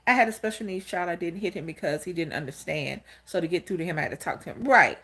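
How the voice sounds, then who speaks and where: Lively fifties woman chatting with viewers. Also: lowish voice, fast, breathy edge. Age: 50s. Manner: candid, storytelling, talks straight to viewers. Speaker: channel host. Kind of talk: casual livestream talk greeting chat viewers.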